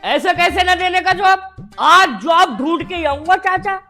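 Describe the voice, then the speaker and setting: A man's voice: extremely high pitch, unhurried, over music. A man acting a whiny, complaining jobless son in a family comedy sketch.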